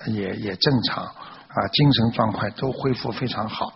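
A man's voice: fairly low pitch, a little slow, gravelly, slightly rough. A man preaching a moral sermon, exhorting listeners and telling a fable. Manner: animated, exhorting. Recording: dull lo-fi recording.

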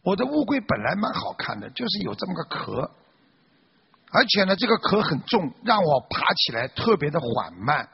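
A man's voice: a little high, huge pitch swings, normal speed, creaky, slightly rough, voice pushed up, exaggerated voice. A man voicing a turtle that complains about its heavy shell. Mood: grumbling. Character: grumbling turtle that hates its shell. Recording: dull lo-fi recording.

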